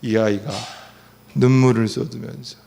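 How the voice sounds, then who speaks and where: A man's voice: medium pitch, fairly even intonation, moderate pace, creaky, warm tone, a little hiss or hum. A middle-aged man giving a family seminar lecture, telling personal stories with animation and putting questions to the audience.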